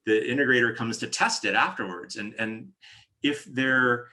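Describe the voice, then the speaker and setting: During an interview, this New Jersey executive talks through his company's products at a normal speed, often starting sentences over. His mid-range voice has a sharp tone.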